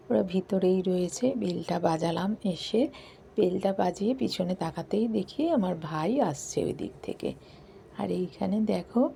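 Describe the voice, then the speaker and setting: A middle-aged woman recording a soft, hushed voice-over for her vlog from a balcony late at night, talking quietly while others sleep. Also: on the low side, vocal fry, a little hiss or hum. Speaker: vlogger. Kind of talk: softly spoken voice-over narration.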